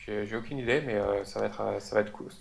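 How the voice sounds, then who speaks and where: A man co-hosting a podcast in casual chat, talking in a hesitant way with many filler pauses. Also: on the low side, fairly even intonation, vocal fry, slight background noise. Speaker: podcast co-host.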